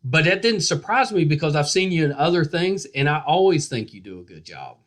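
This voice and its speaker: A man's voice: fairly high pitch, sing-song, brisk, fairly bright tone. A man hosting a podcast interview, effusive and full of praise, with lots of "yeah.". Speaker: podcast host. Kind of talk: casual interview chat.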